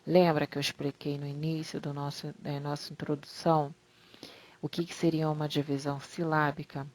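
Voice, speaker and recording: A woman with a low voice walks young pupils through a grammar lesson on slides. She explains at an unhurried pace and stretches out each example word. She talks to the class fondly. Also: little pitch movement, darkish tone. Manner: affectionate toward pupils. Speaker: teacher.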